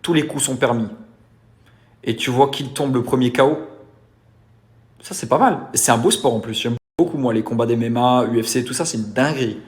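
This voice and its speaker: A man's voice: medium pitch, brisk. Man boasting and issuing fight challenges. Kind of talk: casual vlog talk.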